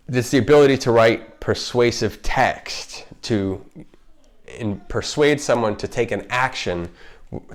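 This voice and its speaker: Man, lowish pitch, slight lisp from wearing a retainer, casual vlog host, chatty, emphatic, unscripted, self-interrupting. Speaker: video host, marketer. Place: home kitchen.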